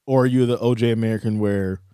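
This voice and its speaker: A man's voice: lowish voice, steady tone, quick pace, dark tone, clear, resonant tone, dry recording, studio quality. A man co-hosting a casual film podcast, teasing and laughing through his words. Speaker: podcast co-host.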